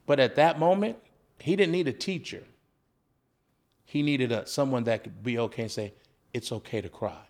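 A man's voice: mid-range voice, lively intonation, moderate pace, pauses often, a little mellow. A man who is a former coach, talking as a podcast guest in an earnest, preacher-like way, often asking rhetorical questions. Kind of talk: conversational storytelling with preaching.

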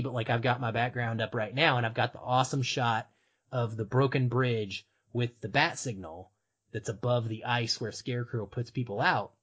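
A man discusses a film casually and enthusiastically as a podcast co-host. He is earnest and digressive, leaning into his points with emphasis. His voice is mid-pitched and a little rough, on a slightly lo-fi recording.

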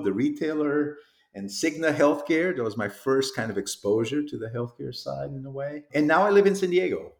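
A middle-aged Portuguese sales executive talks in a reflective, rambling way during a conversational interview. His mid-range voice is a little mellow, with a roomy sound.

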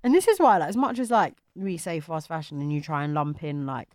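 A woman's voice: low voice, brisk, clean studio sound. A woman with an urban London accent, chatting casually and slangily as a podcast host. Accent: London, urban multicultural slang. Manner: animated, slangy, echoes her co-host. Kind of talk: casual chat.

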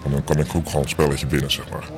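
A young man in his twenties, his voice disguised with an effect that makes it sound very deep. He talks hesitantly with many fillers. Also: little pitch movement, very fast, a crowd in the background. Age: 20s. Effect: voice disguised by pitching it down to sound very deep. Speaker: interviewed hacker. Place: small café.

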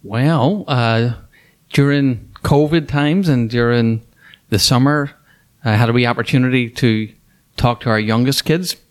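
A man's voice: mid-range voice, unhurried. A man in his fifties with a Northern Irish accent, a school superintendent answering questions in a casual interview, talking with many fillers and restarts. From Northern Ireland.

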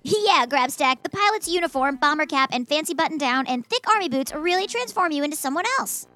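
A woman's voice: sits high, expressive, brisk, sharp tone, faint music behind. A woman voicing a cheerful young girl inventor, upbeat as she explains her gadget in a children's audio drama.

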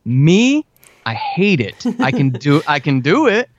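A man with a fairly high voice and wide pitch swings speaks at a measured pace as a podcast guest, a writer and audio drama podcaster giving advice in a casual interview. The recording is dull, lo-fi, and dry, with close sound and no room echo.

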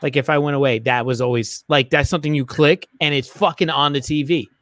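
Male guest, casual and offhand, slightly higher pitch. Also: fairly even intonation, fairly quick, a bit bright. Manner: offhand, swearing. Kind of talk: casual chat.

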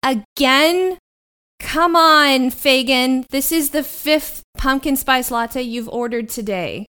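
A woman voicing an exasperated delivery clerk whose loud voice comes out of a speaker, scolding. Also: high-pitched, takes it slowly, clear, resonant tone, voice pushed up, full character voice. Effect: loud voice blaring from a speaker. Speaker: game master.

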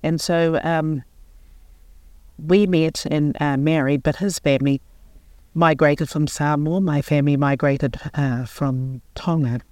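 In a radio interview, a local board chair from New Zealand, around sixty, talks in an earnest, unhurried manner, stopping now and then to search for words. She has a deep, warm voice with fairly even intonation, captured in a dry recording.

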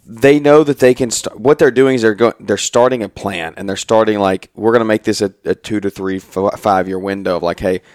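Recorded dry and at studio quality, this twentysomething man has a lowish, slightly mellow voice and talks fairly quickly with few pauses. He co-hosts a casual podcast at a trade expo alongside his wife or husband. His speech rambles in run-on sentences, packed with restarts and "like"s.

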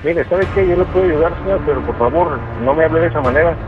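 A man's voice: on the high side, quick pace, background noise. Polite man on a muffled phone line. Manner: polite customer-service tone, growing firm. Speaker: prank call target, butcher shop worker.

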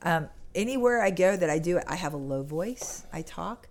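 This American woman, an activist guest in a conversational interview, talks at normal speed in a fairly low voice with lively intonation. Earnest and insistent, she acts out brief exchanges as part of her anecdotes.

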